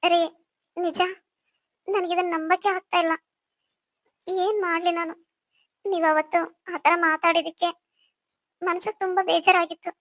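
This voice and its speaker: Young cartoon wife, tender and doubting, very high thin voice, dry close sound. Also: female voice, fairly bright tone, dry recording. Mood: disbelieving. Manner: pleading, questioning. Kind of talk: cartoon story voice acting.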